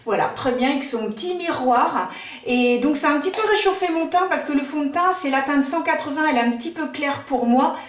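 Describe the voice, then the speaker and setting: A woman with a high, bright speaking voice chats through a makeup review from her home in the countryside. She fills her talk with fillers and self-mocking asides. She sits a little away from the camera mic, so the room echoes around her. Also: lively intonation, a little fast, far from the mic, a little hiss or hum. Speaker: beauty vlogger. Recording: roomy echo, voice a bit off-mic.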